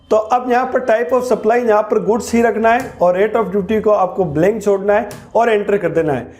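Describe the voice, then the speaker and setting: A man teaching accounting software in a screen-recorded tutorial, walking through each step and slowing down on key terms. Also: high voice.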